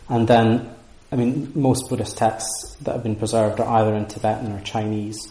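A lecturer on Sanskrit texts gives an informal talk in a room with an audience and answers their questions, sounding thoughtful, restarting often and hedging with fillers. His lowish voice is warm and level, at normal speed, and the room is reverberant.

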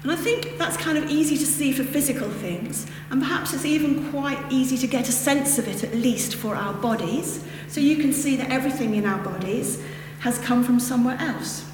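In a hall with a lectern, a woman gives a dharma talk to a group, her high, somewhat dark voice moving at normal speed. She has a northern English accent, and her reflective Buddhist teaching meanders through casual asides. The sound is echoey and picked up by a distant mic, with background noise.

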